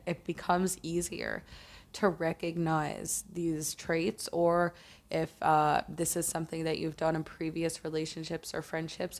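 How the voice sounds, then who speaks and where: A woman hosting a casual solo podcast, talking in a reflective, earnest way and correcting herself as she goes. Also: low voice. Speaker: podcast host.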